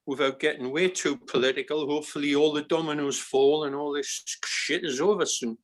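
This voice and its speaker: A man's voice: a little high, steady tone, a little fast. A man, a musician joking around hesitantly in a casual video call chat. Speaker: musician guest.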